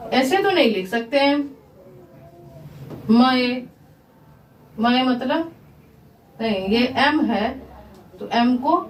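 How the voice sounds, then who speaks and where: A woman English teacher giving a grammar lesson, asking her students questions and answering them herself. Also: fairly high pitch. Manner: slow, repeats questions to the class and answers them. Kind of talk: grammar lesson explained in Hindi. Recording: echoey room, voice from far.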